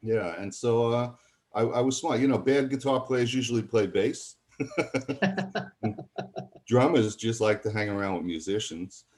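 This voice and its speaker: A man's voice: medium pitch, unhurried, long pauses, a little mellow. An older man, a guest musician telling rambling anecdotes in a casual interview and acting out what other people said. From College Point, New York.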